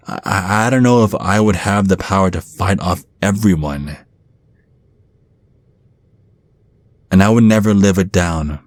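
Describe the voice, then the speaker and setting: In an intimate ASMR roleplay, a man plays a centuries-old vampire bodyguard, his low voice gruff, brooding and earnest. He sounds worried and fiercely protective, recorded dry with no room sound and no echo.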